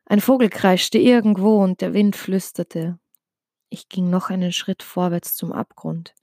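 A woman giving an emotional, intense reading of a dark first-person story, with some passages dropped to a hush. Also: medium pitch, no echo, clean studio sound.

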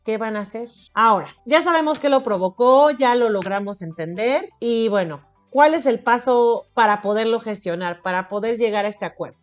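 A woman with a Mexican Spanish accent speaks as an education expert on a radio show. She is earnest, repeats her words and keeps asking the listener rhetorical questions. Her voice comes through a little dull, with soft music underneath. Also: a little high, lively intonation, moderate pace, few pauses. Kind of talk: radio advice talk. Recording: slightly muffled radio audio with faint music.

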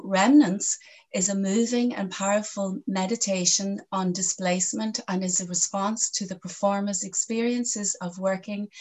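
A middle-aged woman from Donegal with an Irish accent from the northwest and west, hosting a conversational podcast interview. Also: mid-range voice. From County Donegal, northwest Ireland. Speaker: podcast host.

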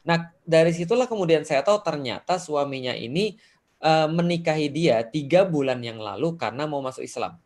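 A man's voice: a little high, animated, moderate pace, darkish tone. A middle-aged man, an Islamic preacher, earnestly telling true stories in casual religious talk, with many fillers.

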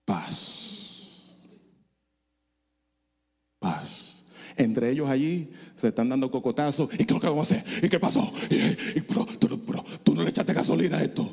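A male pastor preaching a sermon, swinging from hushed asides to loud bursts and slipping into English phrases. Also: medium pitch, fast, creaky, hardly any pauses, in a large hall. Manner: code-switches with bursts of English. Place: church sanctuary.

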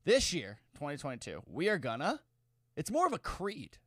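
A man co-hosting a casual podcast, rowdy and profane, laughing through his own jokes. His voice sits high and swings wildly up and down. The sound is dry and close to the mic. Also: wildly swooping pitch, moderate pace, a bit bright, no echo. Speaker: podcast co-host. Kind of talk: casual chat.

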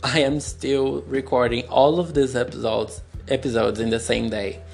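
Recorded on a phone, a young man from Brazil hosts his podcast and shares a personal story in English, a second language after his native Portuguese, with a Brazilian accent. His medium-pitched voice has vocal fry and a flat delivery over faint music. The telling is slow, candid, and searching, full of pauses and restarts.

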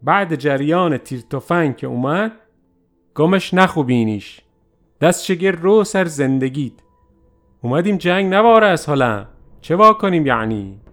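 A man narrating a first-person story in a lively, animated way. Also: on the high side, faint music behind.

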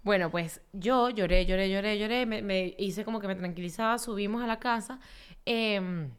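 A woman, co-hosting and telling a personal story with animated repetition. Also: mid-range voice, moderate pace, smooth. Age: 30s. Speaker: podcast co-host. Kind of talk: casual couple storytelling.

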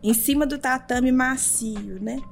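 High-voiced woman telling a story. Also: measured pace, vocal fry, faint music behind. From Brazil. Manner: animated, acts out quoted dialogue. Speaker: podcast guest. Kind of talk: casual interview storytelling.

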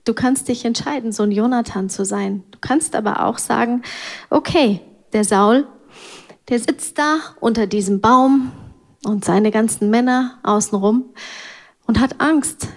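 A woman giving a gentle, reflective part of a sermon. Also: a little high, gravelly. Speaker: church speaker.

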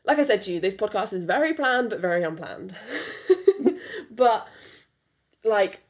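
A young woman whose first language is French, speaking with a British accent, hosts a podcast in a rambling, casual chat packed with fillers and restarts. Her medium-pitched voice is animated and a little slow.

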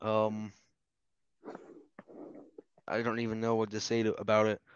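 A man's voice: lowish voice, monotone, unhurried, clean tone, dry recording. A man co-hosting a podcast in casual chat, rambling with plenty of fillers and restarts. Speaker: podcast co-host. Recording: slightly dull lo-fi sound.

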